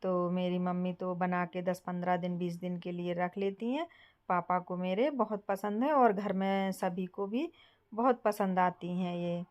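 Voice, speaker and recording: Woman, young adult, from bundelkhand, cooking vlog host, gentle step-by-step explaining, mid-pitched voice. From Bundelkhand, India. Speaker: home cooking channel host. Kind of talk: casual cooking tutorial.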